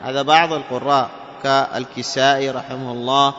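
A man teaching Quran recitation rules, explaining step by step, asking and answering his own questions, and chanting verses slowly as examples. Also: mid-range voice, level tone, a bit bright. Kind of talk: tajweed lesson with chanted examples. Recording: dull reverberant hall recording with faint noise.

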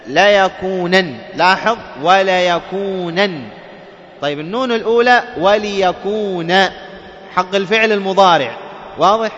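A man teaching Quran recitation rules. He keeps checking "clear?" with his students and chants example words slowly. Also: high voice, a bit bright, slight background noise. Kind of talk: tajweed lesson. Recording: dull recording with long hall reverb and faint ambience.

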